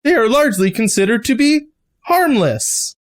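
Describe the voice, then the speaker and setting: A game master voicing a dutiful male guide robot in a tabletop game, speaking in a stiff, recited way that sits a little higher than their own voice. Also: sing-song, normal speed, close to an everyday voice. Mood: formal. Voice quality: stiff, formal, recited delivery.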